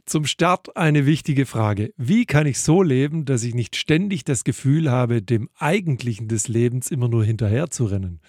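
A man giving a thoughtful devotional reflection, speaking in a measured way. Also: medium pitch, animated, a little mellow, no room sound, clean studio sound. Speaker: preacher.

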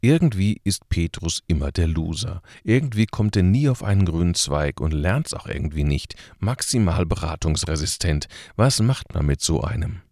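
A man's voice: sits low, expressive, moderate pace, hardly any pauses, a little mellow, no room sound, clean studio sound. A man leading a short radio service and preaching in a colloquial, ironic way. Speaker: pastor. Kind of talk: radio sermon.

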